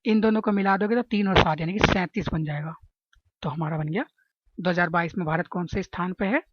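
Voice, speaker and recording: A woman's voice: lowish voice, a little fast, highs cut off, very noisy. A woman teaching general-knowledge exam questions and explaining memory tricks, often checking in with her listeners. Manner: chatty, keeps asking "है ना?" to check understanding.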